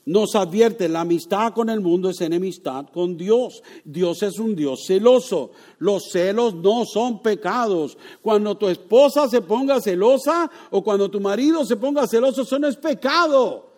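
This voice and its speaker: A man preaching a sermon, moving between loud emphatic lines and hushed ones, asking his listeners questions and acting out voices. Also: high-pitched, measured pace, few pauses. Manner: asks the congregation questions, acts out voices. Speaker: pastor.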